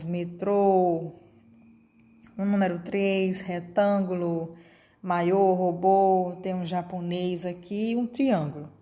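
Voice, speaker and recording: A woman's voice: medium pitch, warm tone. Patient woman teaching children. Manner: patient, explanatory, checks in with "tá?" and "ok?". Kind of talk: remote class lesson for children.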